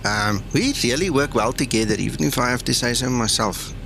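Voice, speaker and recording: A man's voice: medium pitch, brisk, vocal fry, a bit bright, a little hiss or hum. A man from South Africa with an Afrikaans accent, chatting casually as the host of a flight sim livestream.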